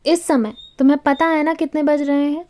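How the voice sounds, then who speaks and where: A woman voicing a calm, wealthy young husband who humors his tipsy wife in a storybook. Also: sits high, moderate pace, lightly acted. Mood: dry. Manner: calm, dry, indulgent. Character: cool, wealthy young husband, amused and patient.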